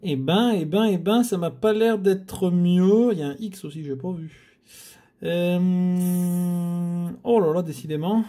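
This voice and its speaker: A man's voice: high-pitched, normal speed, mellow, husky. A man hosting a scratch-card video, chatting casually to viewers as he scratches tickets and groaning at bad luck.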